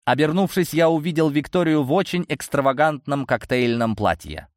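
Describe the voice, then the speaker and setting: Brief: lively, wry male storyteller, dry close mic. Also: a little high, normal speed, dry recording. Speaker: narrator. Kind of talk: audiobook narration.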